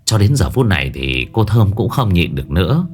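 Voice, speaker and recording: A man's voice: low voice, brisk, slightly rough. A man narrating a ghost story in a dramatic storytelling manner. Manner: animated, dramatic.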